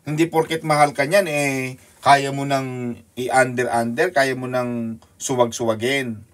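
A man with a Filipino accent preaching a sermon in an animated, teasing way that leaps up in pitch for emphasis. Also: unhurried. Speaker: pastor. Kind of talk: sermon teaching.

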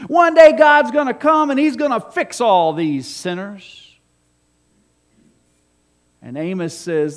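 A man preaching a live sermon in a church, swinging between quiet asides and loud, fervent passages. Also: extremely high pitch. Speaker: pastor. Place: church sanctuary.

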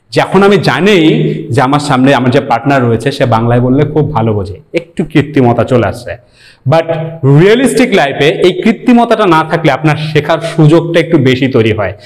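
Man, English teacher, casual lecture, mid-pitched voice, rhetorical questions. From Bangladesh. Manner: conversational, mixes English words, asks rhetorical questions. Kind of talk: explanatory lecture.

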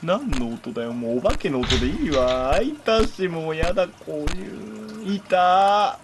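A man's voice: high-pitched, animated, measured pace, creaky, background noise. Jumpy man with lilt playing horror game. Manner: jumpy, talks back at the game with jokes and complaints. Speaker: game commentator. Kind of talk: horror game playthrough commentary.

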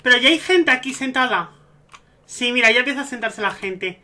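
Bright, gushing young Spanish man. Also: very high-pitched, normal speed. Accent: Spain Spanish. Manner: gushing, excitable, sentimental. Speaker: gaming streamer. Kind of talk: casual let's-play commentary.

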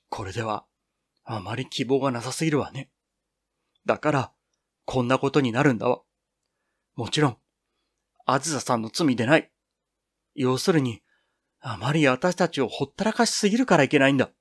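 A man's voice: medium pitch, expressive, normal speed, pauses often, slightly rough, no echo, studio quality. A man reading the part of Toku, a young woman student speaking with impassioned bitterness in a storybook reading. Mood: agitated, bitter. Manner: impassioned, lamenting.

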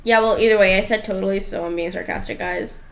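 A woman's voice: medium pitch, steady tone, fast. A young woman hosting a casual gaming video, playful and sarcastic, chatting to her viewers as she plays. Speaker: channel host and gamer.

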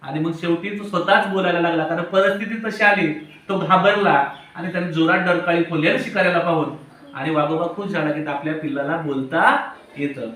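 A man's voice: on the high side, fairly quick, fairly bright tone. A man teaching a classroom of children, asking them questions and prompting answers. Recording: very echoey room, voice from far off.

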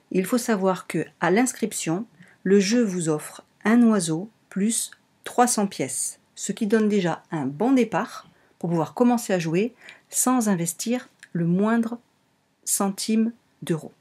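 A woman's voice: mid-range voice, mellow, breathy edge. A woman with a French accent talking through a browser game on a screen recording, explaining it step by step and often repeating or correcting herself. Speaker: online game walkthrough presenter. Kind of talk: casual screen-recorded tutorial.

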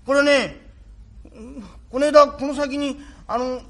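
A man's voice: very high-pitched, fairly even intonation, slow pace, voice pushed up. A man voicing a young boy in a rakugo story, earnest and pleading, in old speech. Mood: telling, earnest. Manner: childlike, pleading, chatty.

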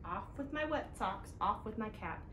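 At normal speed and medium pitch, a woman reads for a library children's storytime in an animated, sing-song voice meant for little listeners. She's sitting on a couch in a living room, and the camera a few feet away picks up roomy home sound with noticeable background noise.

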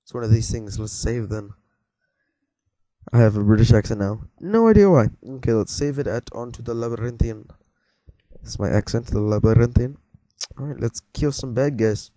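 This teenage let's-play commentator speaks at a normal speed in a medium-pitched, mellow voice that's quite animated. He rambles casually, jumps at scares, and jokes with his viewers, with no echo in the audio.

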